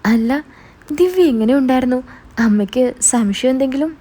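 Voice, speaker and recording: A nervous, cheeky young sister, as a woman storyteller puts her on pleads and worries aloud. The tone is mellow and slightly raised. It stays close to the reader's own voice. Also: high voice, moderate pace. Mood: anxious.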